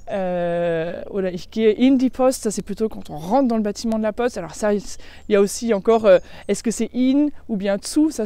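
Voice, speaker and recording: A woman from France with a French accent, giving a casual online German lesson, chatting freely and slowing right down to model German phrases. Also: mid-range voice, warm tone. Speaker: German language teacher.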